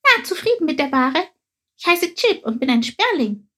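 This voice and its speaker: A woman voicing an eager, curious male sparrow in a storybook, asking excited, chirpy questions. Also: sits high, normal speed, pitched above the performer's own voice. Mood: friendly. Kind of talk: storybook reading.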